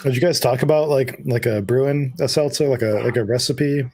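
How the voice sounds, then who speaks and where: A man's voice: mid-range voice, a little fast, warm tone. A man in casual chat who laughs often and chimes in with short remarks.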